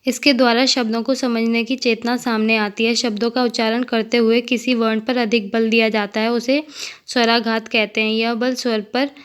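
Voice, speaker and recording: A woman reading grammar notes aloud for exam preparation, dictating letters and words slowly and carefully. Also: fairly high pitch, little pitch movement, smooth. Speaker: teacher.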